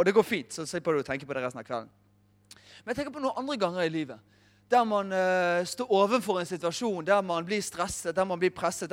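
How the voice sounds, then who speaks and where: A man in his thirties preaching, telling a funny personal story in an animated, self-mocking way. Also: high-pitched. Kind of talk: storytelling sermon.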